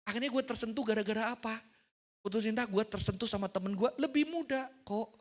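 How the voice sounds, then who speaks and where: A man's voice: high-pitched, quick pace. A middle-aged man preaching a casual, joking sermon to a youth service, mixing in English words.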